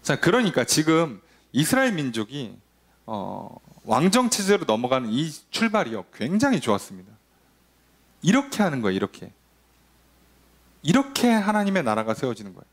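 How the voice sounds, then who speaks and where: A man's voice: on the high side, moderate pace. A male pastor giving a Sunday sermon, asking rhetorical questions and briefly acting out the people he quotes. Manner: lively preaching, acts out quoted voices, rhetorical questions.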